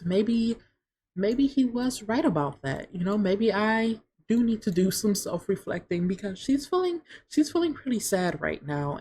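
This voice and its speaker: A woman's voice: mid-range voice, a little mellow, a little hiss or hum. Chatty woman narrating a sims game. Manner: chatty, storytelling, says "like" a lot. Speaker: let's play host. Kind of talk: casual game commentary.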